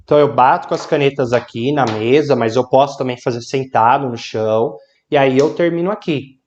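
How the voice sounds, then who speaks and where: A man's voice: medium pitch, lo-fi sound, slight background noise. A man teaching an online lesson, explaining activities and chanting a rhyme while clapping along. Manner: lively and animated, chanting rhymes slowly between explanations.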